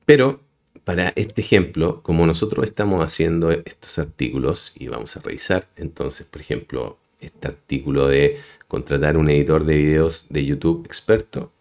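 A man's voice: very deep voice, moderate pace, a little mellow. A man hosting a screen-recorded web tutorial, explaining step by step and addressing his viewers directly. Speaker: tutorial host. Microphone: voice-over on a screen recording.

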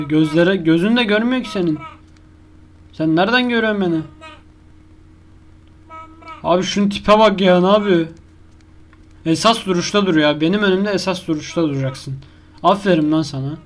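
A man giving live horror gameplay commentary as a YouTuber. He swears constantly, yelps when scared and argues with the game's monster. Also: sits high. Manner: crude, swears a lot, talks to the game's monster.

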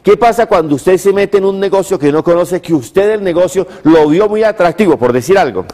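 A man's voice: high-pitched, animated, a little fast, dark tone. A Colombian man in his fifties giving an emphatic motivational business lecture to camera, teaching through rhetorical questions and repeated phrases. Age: 50s. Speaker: motivational speaker and TV presenter. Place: living-room style TV studio set, indoors. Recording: reverberant echoey room.

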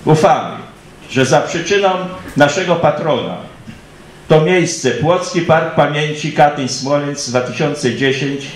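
A man's voice: a little high, a little slow, echoey room, slight background noise, low-quality recording. A man delivering a formal, solemn commemorative welcome speech in a declamatory way, as if reading it out. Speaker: ceremony speaker welcoming guests.

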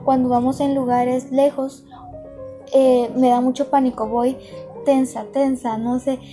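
Woman vlogging a storytime, high voice, chatty and earnest, music in the back. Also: level tone, measured pace. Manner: chatty, earnest, addresses viewers directly. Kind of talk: casual storytelling to camera. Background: background music.

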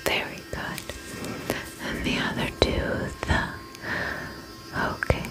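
Over loud music, a woman whispers breathily and takes her time, playing a spa attendant in an ASMR personal-attention roleplay. Her tone is soft, soothing and reassuring.

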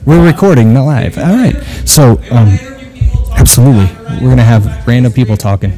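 A man's voice: medium pitch, moderate pace, dark tone, soft background music. Chatty male podcast host at a banquet. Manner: upbeat, chatty, lots of fillers. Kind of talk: casual chat. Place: banquet hall at a running club dinner.

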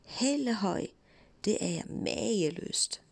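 A woman's voice: mid-range voice, expressive, vocal fry, breathy edge, no echo, whispered. Woman doing a gleeful, boastful peasant lad. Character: cheerful foolish young peasant lad.

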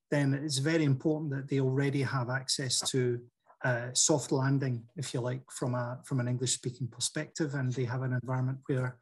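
A man with a slightly husky voice gives his view on a business panel. He lays out his points in a measured, explanatory way and pauses on fillers as he goes. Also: mid-range voice. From not from France. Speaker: roundtable panelist, company leader. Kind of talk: panel discussion.

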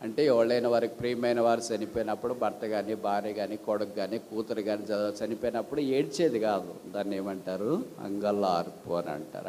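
Preacher in a reverberant hall. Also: male voice, mid-range voice, dark tone. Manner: preaching with rhetorical questions and homely examples; switches briefly into English glosses. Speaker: pastor. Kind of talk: sermon.

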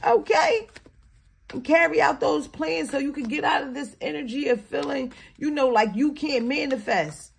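A woman's voice: moderate pace, gravelly, few pauses, a little hiss or hum. A woman giving a casual spiritual card reading to her viewers, slangy and emphatic, with her morning voice still on her and a habit of tacking "okay?" onto her lines. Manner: swings between low mutters and loud animated bursts.

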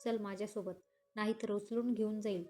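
A man's voice: high voice, flat delivery, fairly quick, close to an everyday voice. A woman voicing a possessive young lover. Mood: insistent. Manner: forceful, pleading at times.

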